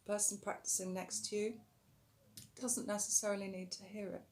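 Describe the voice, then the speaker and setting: In a medium-pitched voice with slight roughness, a woman gives a breathing tutorial, teaching a yoga technique calmly. When guiding the breath she tends to slow her words and lower her voice.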